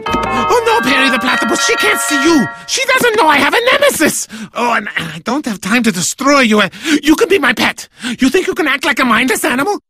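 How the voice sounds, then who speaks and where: An actor playing a theatrical cartoon villain with a nervous, stammering, melodramatic way of talking. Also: male voice, very high-pitched, sing-song, a little fast, pushed and bright, heavily acted. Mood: flustered. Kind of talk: cartoon voice acting. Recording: music behind the voice.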